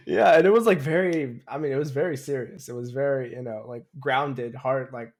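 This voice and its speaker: A young man co-hosts a podcast, speaking at normal speed with a medium-pitched voice. The chat is casual, and he rambles hesitantly, filling his speech with hedges.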